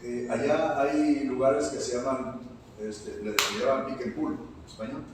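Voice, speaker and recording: A man's voice: mid-range voice, steady tone, measured pace, noisy background. A man from Mexico, a pastor preaching a sermon, telling a personal story and calling the congregation brothers. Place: church hall. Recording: echoey church hall from far off.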